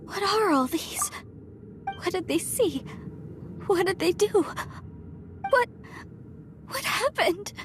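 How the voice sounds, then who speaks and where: An actress playing a distraught, devout young woman in a video game, speaking in a halting, emotional way. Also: extremely high pitch, sing-song, background noise, full character voice. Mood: shaken, bewildered. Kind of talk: video game character acting. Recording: background music under the voice.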